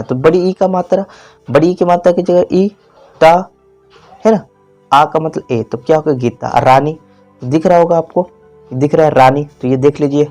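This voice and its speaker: In a classroom-style spelling lesson, a male teacher repeats words, stretches their vowels and quizzes the viewer. His voice sits a little high and has a darkish tone.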